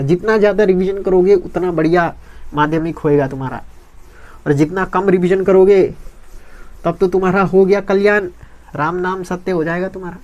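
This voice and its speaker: A man's voice: a little high, a little mellow. A man teaching a physics lecture, who keeps asking questions and answering them himself and repeats key phrases.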